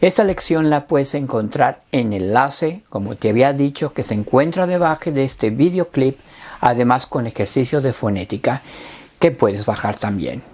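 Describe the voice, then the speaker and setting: A man teaching a language lesson, drilling words slowly and checking in with frequent questions. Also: mid-range voice, lively intonation, darkish tone. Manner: slow, deliberate drilling of words. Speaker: Spanish teacher.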